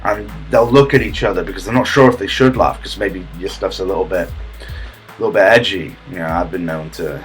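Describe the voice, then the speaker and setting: A man giving a deadpan parody comedy tutorial, smug and rambling, with halting restarts and a husky voice. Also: sits low, soft background music.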